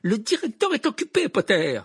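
A man's voice: lowish voice, wildly swooping pitch, takes it slowly, fairly bright tone, breathy edge, no echo, clean studio sound, exaggerated voice. A man voicing a spiteful male teacher who talks in a cold, sneering, cutting way.

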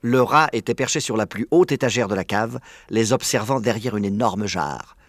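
A man narrating a children's story aloud in a clear, measured way. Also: lowish voice, lively intonation, no echo, clean studio sound. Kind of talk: audiobook narration.

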